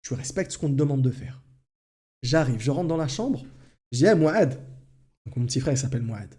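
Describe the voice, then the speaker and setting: A man hosting a live stream, telling a personal anecdote in an animated way and addressing his audience directly. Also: mid-range voice, fairly quick. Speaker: religious talk host.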